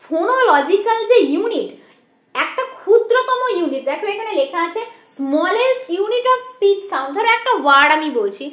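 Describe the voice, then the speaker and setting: A woman's voice: extremely high pitch, sing-song, moderate pace, a bit bright, highs cut off. A woman teaching an exam-prep lesson, explaining step by step and answering her own questions, often slipping in English terms. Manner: mixes in English terms and phrases. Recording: echoey room.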